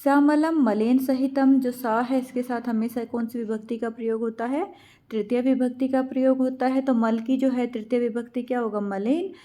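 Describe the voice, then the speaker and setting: Patient woman teacher with a soft, warm voice. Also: a little high, flat delivery, moderate pace. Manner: patient, asks and answers her own questions, calls students "beta". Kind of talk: explaining exam answers.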